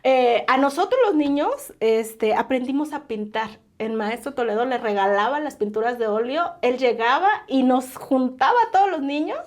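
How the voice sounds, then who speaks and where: A woman's voice: high-pitched, lively intonation, normal speed, hardly any pauses. Woman, earnest, filler-heavy, tag questions, podcast guest. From Oaxaca coast, Mexico. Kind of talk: casual interview conversation.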